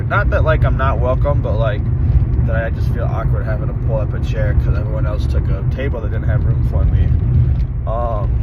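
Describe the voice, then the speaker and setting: A young adult man casually rambling through his recollections, hesitant and puzzled, with hazy, trailing thoughts. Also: mid-range voice. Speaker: vlogger keeping a dream journal. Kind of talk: casual rambling recounting of dreams. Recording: dull audio with loud vehicle-like outdoor noise.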